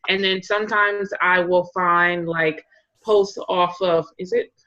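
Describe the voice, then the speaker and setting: A woman in direct sales talks casually on a group call and fills her sentences with likes and ums. Her voice is on the low side but bright and forward. The audio is dull and lo-fi. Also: steady tone, takes it slowly. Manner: rambling, many fillers like "like" and "um". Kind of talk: casual call sharing tips.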